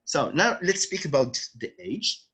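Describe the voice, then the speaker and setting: Moroccan guy teaching french online, slow and patient, kinda husky, pitch jumps around a lot. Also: expressive, sharp tone. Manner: patient, repeats words slowly for the learner. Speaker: French tutor. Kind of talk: online one-on-one language lesson.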